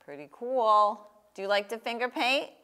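An older woman reads aloud and guides a young child through a craft at a normal speed, her fairly high voice bright, forceful, clear and resonant. She speaks in simple, encouraging phrases and questions. A lapel mic records her in a small indoor room with a table.

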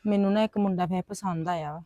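Playing a shy elder daughter of 29, a woman in her late twenties hesitantly confides her crush to a friend in a pleading, confiding way. She speaks quickly in a lowish, dark voice with fairly even intonation, lightly acted, over a dry, dull lo-fi recording.

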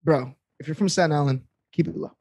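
A man, co-hosting a casual podcast chat, joking and animated. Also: a little high, fast, creaky, husky, no room sound. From New York, Queens. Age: 30s. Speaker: podcast co-host.

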